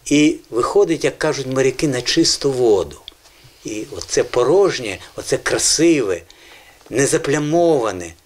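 A male TV host speaks in a teacherly, encouraging way, his pitch rising and falling a great deal as he explains words to children in a studio. His tone is patient and explanatory, and his voice sits at an ordinary middle pitch for a man. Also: animated, normal speed, darkish tone. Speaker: children's language show host. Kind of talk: educational TV presenting.

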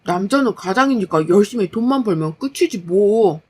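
A woman's voice: mid-range voice, expressive, normal speed, darkish tone, slightly rough. A woman voicing a lazy, defensive young husband who grumbles and brushes off complaints in a story. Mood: grumbling, defensive. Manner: whiny, dismissive.

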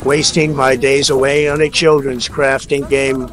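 A man's voice: medium pitch, flat delivery, measured pace, over music. A synthetic male text-to-speech voice reading donation messages in a stiff, evenly paced way.

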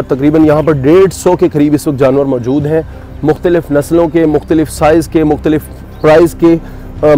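Chatty man with a mellow voice. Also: a little high. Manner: chatty, joking, talks to viewers as "bhai". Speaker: vlogger touring a cattle farm. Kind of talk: casual walking vlog commentary. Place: outdoors at a cattle farm.

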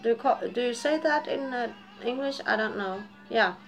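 Faint music plays behind a woman in her 40s with a Japanese and Danish accent as she talks casually to her webcam in a dim living room at home. Her slightly high voice moves at normal speed while she rambles, laughs a lot and swears freely, a candid vlogger chat.

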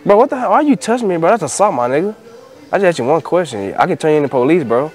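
Very animated and very fast, this young American man hosts pranks with slangy, repetitive banter, moving between an outdoor parking lot and a large store's interior. His voice is a little high with a darkish tone, over soft background music.

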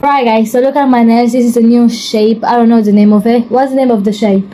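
A young woman vlogs casually to a phone held at arm's length inside a small salon, chatty and joking, repeating filler words. Her fairly high voice is mellow and steady, moving fairly quickly, with faint music in the background.

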